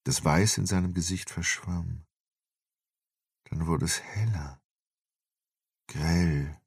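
A man narrating a thriller audiobook in a deep voice, slow and tense. His voice is gravelly and husky, and he takes his time. The recording is close and dry. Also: no echo. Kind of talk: scripted narration.

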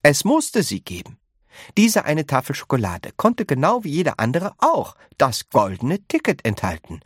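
A man reading a children's story aloud in expressive narration. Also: fairly high pitch, moderate pace, husky, no room sound, clean studio sound. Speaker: audiobook reader.

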